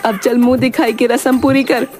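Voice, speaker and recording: A woman voicing a sharp-tongued, proud mother-in-law who taunts and mocks. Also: a little high, level tone, normal speed, soft background music, close to an everyday voice. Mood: scolding. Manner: taunting, sarcastic.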